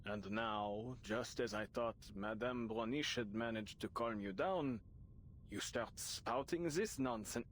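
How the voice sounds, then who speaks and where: A man voicing a condescending gentleman in a game, patronizing and dismissive. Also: lowish voice, unhurried, a little hiss or hum, natural voice. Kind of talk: game voice acting.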